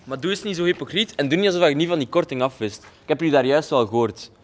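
A man's voice: on the high side, quick pace, natural voice. A young actor with a Flemish accent playing a loyal, plain-spoken man in a teen drama. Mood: indignant. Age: young adult. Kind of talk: scripted teen drama acting. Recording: faint music behind the dialogue.

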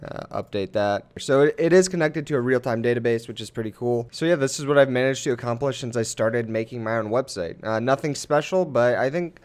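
A man's voice: medium pitch, brisk, few pauses, a little mellow. A young man chatting casually in a vlog, candid with dry jokes. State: raspy morning voice. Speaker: vlogger.

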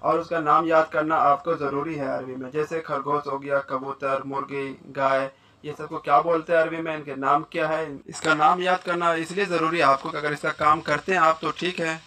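Bright-voiced man teaching vocabulary. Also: a little high, flat delivery, moderate pace. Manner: repeats each word and quizzes the listener. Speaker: Arabic teacher. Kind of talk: vocabulary lesson.

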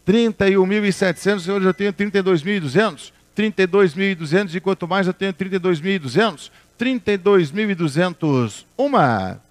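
A man's voice: high voice, a little fast, few pauses. A man working as an auctioneer, repeating bids at a car auction and formally addressing the bidders.

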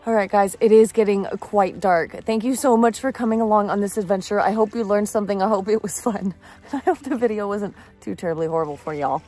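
A mid-range, darkish voice moves fairly quickly over faint music. The speaker, a woman in her thirties, is a rock-hunting vlog host chatting casually on a rocky shore, enthusiastic and informal with lots of exclamations, filmed on a handheld camera.

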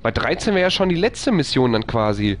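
A man's voice: medium pitch, very animated, brisk, a little hiss or hum. A man streaming a horror game, talking to himself in panicky bursts and repeating phrases. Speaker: let's play streamer. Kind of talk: live gameplay commentary.

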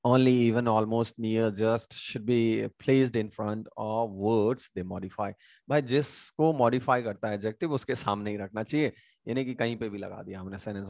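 A man's voice: mid-range voice, vocal fry, darkish tone, no echo, clean studio sound. A man with an Indian English accent teaching grammar in Hindi, reading English examples aloud. He keeps asking questions and answering them himself, with frequent hesitations. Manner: many hesitation sounds and restarts. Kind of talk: online grammar lesson.

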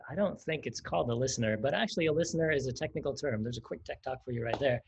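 Husky man explaining code. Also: mid-range voice. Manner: chatty, explanatory, laughs often. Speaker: coding instructor. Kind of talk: livestreamed coding lesson. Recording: dull lo-fi stream audio.

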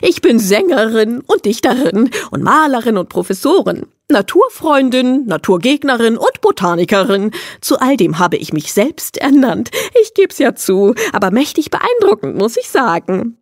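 A woman's voice: a little high, big pitch swings, dry recording, clean studio sound, voice pushed up. Woman voicing a boastful, brusque hermit lady. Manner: rapid boastful chatter, brusque outbursts. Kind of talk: audiobook character voice.

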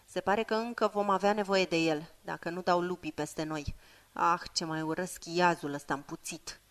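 A woman's voice: on the low side, steady tone, lightly acted. A woman voicing a blunt, irritable grown male warrior. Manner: blunt, disgusted.

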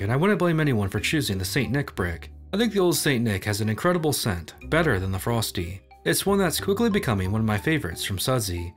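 A man reading a scripted product review in casual, slangy phrasing as a voice-over. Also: mid-range voice. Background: background music.

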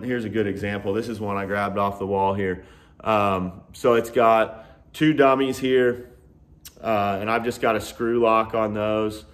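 A man in his thirties giving a casual fishing report to camera from a garage workshop, relaxed, with frequent "uh" and "you know" fillers. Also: lowish voice. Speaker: fishing guide and host. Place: indoor garage workshop with tackle shelves.

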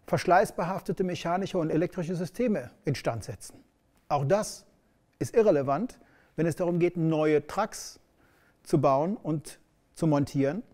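A middle-aged man explains a topic to camera from a bright studio backdrop, his voice sitting a touch high yet mellow and warm in tone. He speaks in a measured, explanatory way, leaning on the key words. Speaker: education expert presenting.

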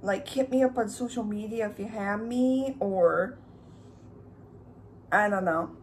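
A woman's voice: medium pitch, unhurried, a little hiss or hum. A young woman in a casual mukbang vlog, chatting and rambling to her viewers while she makes chocolate milk and cuts pizza at home. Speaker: YouTuber. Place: room at home. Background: faint TV in the background.

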